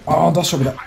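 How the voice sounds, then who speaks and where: A man's voice: medium pitch, vocal fry, mellow. A man narrating a horror game as let's play host, chatty and dropping English exclamations into his German.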